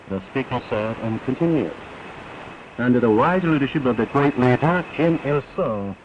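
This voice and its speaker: A man reads a formal, scripted state radio bulletin as a North newsreader, solemn and declamatory. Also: mid-range voice. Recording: hissy, noisy, muffled shortwave radio recording.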